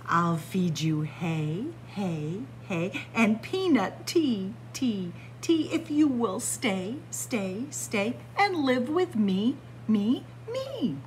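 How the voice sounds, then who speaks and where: This children's librarian in her sixties has a slightly mellow, medium-pitched voice that swings widely, and she draws out words with hardly any pauses. Reading a picture book close to a webcam in a library full of bookshelves, she chants the rhymes sing-song and adds playful asides over slight background noise.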